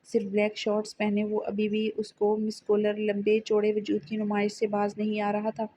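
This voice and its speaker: Female audiobook narrator, measured, warm mellow voice. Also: medium pitch, monotone, breathy edge, no echo. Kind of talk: scripted novel narration.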